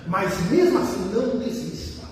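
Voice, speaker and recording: A man preaching a sermon with passion, calling his listeners brothers and breaking into high cries when he quotes others. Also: very animated, normal speed, a little mellow, slight background noise. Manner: impassioned, rising to high cries when quoting Jesus and the father; addresses listeners as brothers, repeats words. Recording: echoey hall, voice from a distance.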